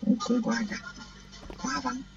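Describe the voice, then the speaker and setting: A man giving excited, panicky commentary on a game livestream, often repeating words when startled. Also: extremely high pitch, normal speed, creaky, far from the mic. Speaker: gaming livestreamer. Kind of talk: live gameplay commentary. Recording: dull lo-fi sound with faint game music.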